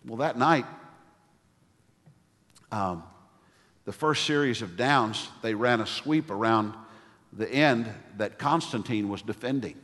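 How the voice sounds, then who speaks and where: A middle-aged pastor delivers an earnest sermon at a pulpit microphone. His voice sits at an ordinary male pitch and rings out with the long reverb of a church sanctuary. He moves easily into storytelling asides. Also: animated, takes it slowly, pauses often, a bit bright.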